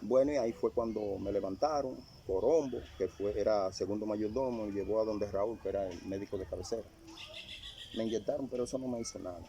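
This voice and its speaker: An older man recounting a personal testimony in casual storytelling, halting and repeating phrases as he remembers. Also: fairly low pitch, mellow, dull audio, slight background noise. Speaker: interviewee sharing a testimony.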